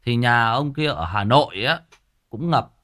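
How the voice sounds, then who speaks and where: Medium in pitch, fairly bright, animated and a little slow, this man hosts a ghost story channel. He's from Thai Nguyen, northern Vietnam, and talks casually and emphatically to his listeners.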